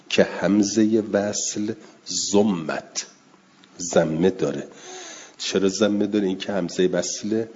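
A deep, dark-toned man gives a slow, deliberate classroom lecture on Quranic recitation, reading out passages and then explaining them. His voice rings with a long hall reverb, and the recording sounds dull and lo-fi. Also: a little hiss or hum. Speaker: teacher.

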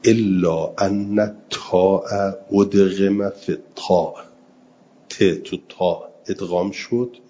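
Guy with a really low voice giving a seminary class, reads arabic slow then explains fast in everyday persian, kinda dull recording w some hiss. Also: fairly even intonation, dark tone. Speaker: religious studies teacher. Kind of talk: seminary lesson explaining Quranic grammar.

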